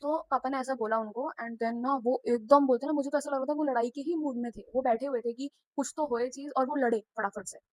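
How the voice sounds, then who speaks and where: High-voiced young woman telling a storytime. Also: fairly quick, hardly any pauses, poor audio. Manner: animated, acts out quoted people. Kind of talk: casual storytime vlog.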